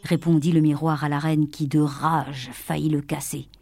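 A woman with a fairly low voice reads a fairy tale aloud. She narrates expressively, slipping into whispers at tense moments, with faint music behind. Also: normal speed. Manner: expressive, dropping to whispers for suspense. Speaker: storyteller. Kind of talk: storybook narration.

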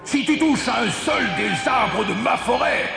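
A man voicing a huge, ugly one-eyed forest giant who bellows threats in a gravelly voice, in a storybook tale. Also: very high voice, expressive, measured pace, pitched above the performer's own voice, exaggerated voice. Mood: threatening. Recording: roomy reverb with music behind.

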